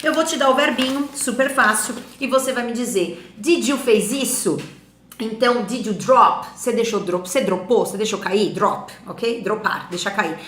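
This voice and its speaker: A Brazilian woman with a Brazilian Portuguese accent, an English teacher giving an animated, emphatic lesson and slowing down to model English phrases. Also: on the high side, roomy sound. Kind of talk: lively classroom explanation.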